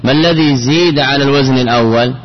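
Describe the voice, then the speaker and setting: Man slowly drilling grammar patterns, echoing hall. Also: mid-range voice. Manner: repeats words slowly, spelling out patterns syllable by syllable. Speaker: teacher of Arabic grammar. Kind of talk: classical Arabic grammar lesson. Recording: dull lo-fi recording with long reverb and faint noise.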